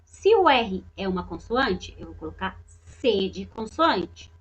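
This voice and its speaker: A woman's voice: mid-range voice, sing-song, unhurried, lo-fi sound. A woman teacher, patiently walking young pupils through a lesson, often repeating herself and pointing things out. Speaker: primary school teacher. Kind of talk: remote lesson walkthrough.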